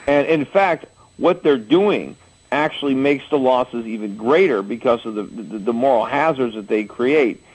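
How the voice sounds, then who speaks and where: In his forties, a husky-voiced man hosts a call-in radio show, explaining his opinions through simple, homely analogies at an ordinary pitch and normal speed. He's expressive but keeps stumbling and restarting sentences, and the recording quality is poor.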